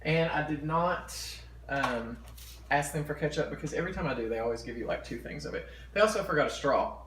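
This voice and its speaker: A man's voice: on the high side, fairly quick, fairly bright tone. A man chatting casually to camera for an eating show, chewing while he talks in his home kitchen. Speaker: mukbang vlogger. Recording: echoey room with background noise.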